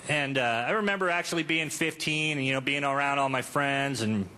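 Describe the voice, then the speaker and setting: A stand-up comic in his thirties riffs crudely and conversationally at his own expense before a live crowd. He talks a little fast in a sharp, mid-range voice, and the club recording picks up plenty of audience noise.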